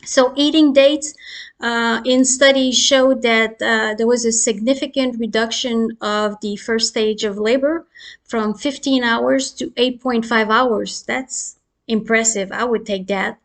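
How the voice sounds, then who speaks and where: Chatty higher-voiced woman doctor. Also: fairly even intonation, a little slow. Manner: chatty, many fillers, laughs between points. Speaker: obstetrician. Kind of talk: casual explanatory talk to camera.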